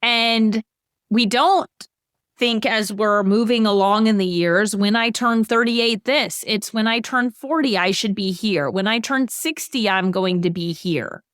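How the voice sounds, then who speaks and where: A woman's voice: mid-range voice, a little slow, a bit bright, clean tone, dry recording, studio quality. Woman explaining habits on a podcast. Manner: explanatory, lists everyday examples. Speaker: financial podcast guest. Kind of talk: conversational podcast advice.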